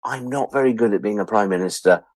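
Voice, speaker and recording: A middle-aged Englishman talks fast in a lowish, darkish voice, recorded dry. He's an interview guest chatting reflectively, wry and self-deprecating, and he acts out quotes he imagines people saying.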